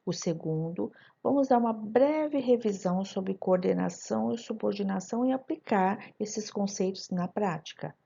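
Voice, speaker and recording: Gravelly-voiced Brazilian woman teacher. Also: mid-range voice, moderate pace, few pauses, dark tone. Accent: Brazilian Portuguese. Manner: didactic, addresses students directly with questions. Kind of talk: narrated recorded lesson. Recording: dull lo-fi voice-over recording.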